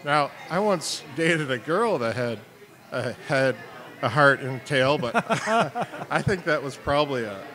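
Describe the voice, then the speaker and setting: A man's voice: mid-range voice, lively intonation, a little slow, bright, forceful tone, faint music behind. A middle-aged man co-hosting a beer show in a studio, cracking self-deprecating jokes and laughing often. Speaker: co-host, sales and marketing. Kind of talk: casual comedic chat.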